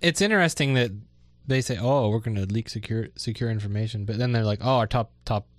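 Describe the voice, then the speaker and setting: A man's voice: medium pitch, fairly quick, no room sound. A man co-hosting a casual tech podcast, talking in a laid-back, slightly hesitant way. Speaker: podcast co-host. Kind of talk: casual tech news chat. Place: dry studio.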